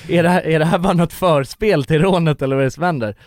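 A young man telling a story in casual chat, animated, acting out the people he quotes. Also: fairly high pitch, no echo, studio quality. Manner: animated, acts out quoted voices, many restarts. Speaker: podcast co-host.

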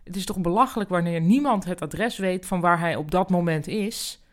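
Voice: mid-range voice, moderate pace, lightly acted. A storyteller voicing a fretful, grumpy male guinea pig in a storybook reading, with a raised, agitated delivery. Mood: groggy, fussing.

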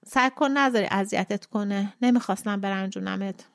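A woman reading as a soft-spoken, teasing young woman. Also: medium pitch, gravelly, no room sound, clean studio sound, natural voice.

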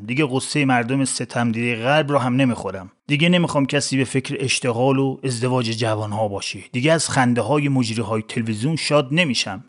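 A man voicing a despairing, self-pitying fat man who talks in a weary, pleading, low-key way. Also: natural voice.

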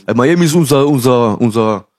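A man's voice: medium pitch, expressive, a little fast. A young man from Cuba, a podcast guest, telling stories in casual slangy talk, calling the host bro. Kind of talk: casual storytelling.

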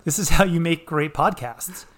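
A man's voice: a little high, normal speed, fairly bright tone. A man hosting a casual sports podcast, easygoing and moderating, rambling a little with fillers. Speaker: podcast host.

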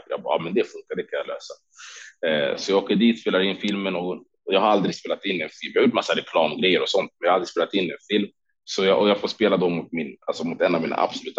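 A former kickboxing champion from Sweden tells stories as a guest on a podcast in a casual interview. His low-pitched voice, with the highs cut off, comes in animated, lively bursts as he quotes himself and others, and he laughs often.

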